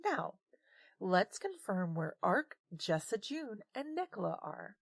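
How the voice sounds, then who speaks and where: A woman's voice: medium pitch, very animated, slow, gravelly, slightly rough, no room sound. A woman narrating a tabletop game as game master, describing events dramatically.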